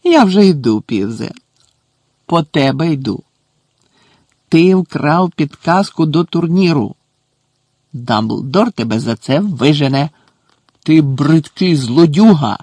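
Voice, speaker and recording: A man voicing a breathless, shrill old male caretaker who is furious and spiteful, in an audiobook. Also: sing-song, normal speed, a little mellow, no echo, clean studio sound. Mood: gloating. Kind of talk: audiobook character voice.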